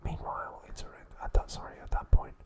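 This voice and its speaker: The narrator of this ASMR recap is a man acting as host, his delivery gentle and halting, his voice a soft, breathy whisper.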